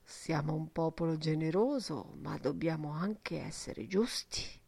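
A stern old schoolmaster, pleased with himself and lecturing solemnly, as a woman reader puts him on. The delivery is slow and low, in an audiobook reading. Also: big pitch swings, creaky, dark tone, slightly rough, no echo, heavily acted. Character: stern old male schoolmaster, preachy and self-satisfied.

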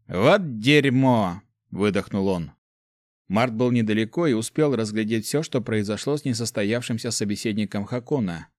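A man reading a fantasy novel aloud in steady, measured scripted narration. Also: on the low side, no room sound, studio quality. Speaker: audiobook narrator.

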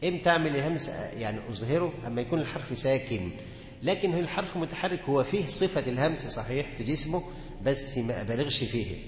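A man's voice: medium pitch, animated, fast, a little hiss or hum. A man with an Egyptian accent teaching a class on Quran recitation, asking his students questions and answering them himself. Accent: Egyptian Arabic. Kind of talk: classroom lesson on tajweed. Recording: echoey hall with long reverb.

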